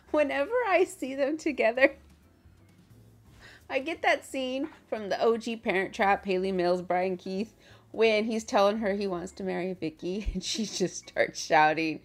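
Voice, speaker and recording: A woman chatting casually as she hosts a reaction video from her bedroom, animated and laughing often. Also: mid-range voice, measured pace, faint music behind.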